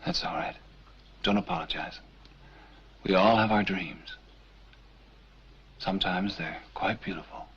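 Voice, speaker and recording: An actor playing a calm, reassuring gentleman with a soothing, measured manner. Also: sits low, slight background noise. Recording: dull 1960s film soundtrack.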